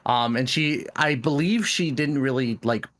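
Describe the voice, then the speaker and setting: A man hosting a podcast, telling a long story in a rambling, animated way and swearing freely. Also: mid-range voice, a little slow. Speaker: podcast host. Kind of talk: casual storytelling chat.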